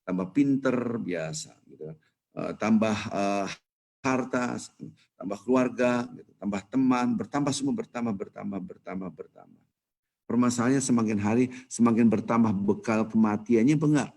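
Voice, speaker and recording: A man delivers a relaxed morning lecture in a mosque, his voice low-pitched and slightly husky. He talks casually, teasing his listeners, then suddenly rises and gets louder to stress a point. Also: normal speed. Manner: lively, conversational, jokes and sudden loud emphasis. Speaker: preacher.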